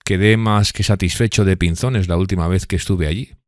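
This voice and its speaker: A man's voice: low voice, fairly even intonation, a little fast, no echo, clean studio sound, natural voice. Brief: a stiff, prideful young man in a storybook, clipped and bristling replies, as a male narrator reads him. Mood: curt. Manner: curt, terse, bristling. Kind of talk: audiobook dialogue.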